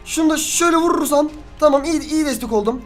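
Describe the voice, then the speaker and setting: An excitable young man commentates his own match as he plays it. He swears freely and yells at his teammates. Faint background music runs under his voice. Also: very high voice, quick pace. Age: young adult. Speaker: gaming youtuber. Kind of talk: live gameplay commentary.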